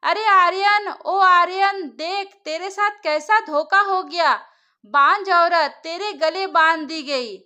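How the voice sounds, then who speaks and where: A woman's voice: very high voice, lively intonation, a little slow, pushed and bright, full character voice. A woman voicing a stern, traditional older mother-in-law who scolds her daughter-in-law in a storybook. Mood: wailing.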